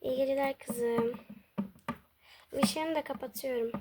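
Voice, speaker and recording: A woman's voice: high-pitched, steady tone, measured pace. A woman doing a fussy scolding mother pet. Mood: tired. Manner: scolding, exasperated. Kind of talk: toy pet role-play. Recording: audible background hiss.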